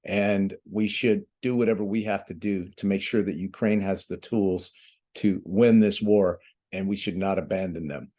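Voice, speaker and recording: A man leaving a measured, earnest voicemail, speaking formally with occasional fillers. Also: sits low, fairly even intonation, a little mellow. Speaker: host calling his representatives. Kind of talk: formal phone message.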